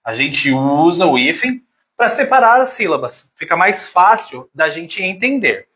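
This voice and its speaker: Man, teacher, slow and patient, high bouncy voice, spells out syllables for kids. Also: sing-song, bright, forceful tone. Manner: patient, breaks words into syllables aloud; addresses pupils affectionately. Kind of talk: classroom grammar lesson.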